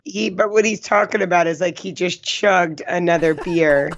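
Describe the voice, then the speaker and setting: A man's voice: high-pitched, normal speed. A man co-hosting a casual comedy podcast, joking around and slipping into silly character voices. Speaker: podcast co-host. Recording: dull lo-fi audio.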